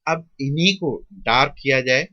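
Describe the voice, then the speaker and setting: Male tutor, Indian accent, unhurried, bright voice; dry, muffled lo-fi recording. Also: mid-range voice, no room sound. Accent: Indian Hindi-English mix. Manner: slow, drawn-out, repeats each sound with pauses. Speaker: shorthand tutor. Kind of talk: step-by-step classroom explanation.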